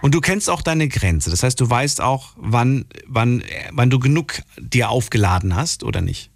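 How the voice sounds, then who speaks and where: A man's voice: medium pitch, lively intonation, moderate pace, creaky, no room sound, studio quality. A young man hosting a phone-in radio show, asking friendly, probing questions. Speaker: radio host.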